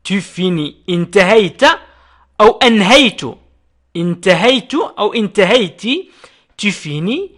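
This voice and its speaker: A man teaching a French lesson, spelling out verb endings letter by letter and slowly repeating each example. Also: high voice, a bit bright. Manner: addresses viewers directly. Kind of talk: video lesson.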